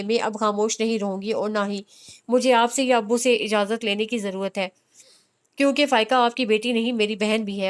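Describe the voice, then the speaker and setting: Woman narrator voicing a sharp-tongued defiant young woman, smooth higher voice. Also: lightly acted. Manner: sharp, confrontational.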